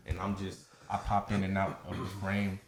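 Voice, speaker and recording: Man, Atlanta accent, very low voice, halting, earnest, casual podcast chat. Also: completely flat delivery, crowd noise. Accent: Southern US, Atlanta. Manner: earnest, halting, many fillers.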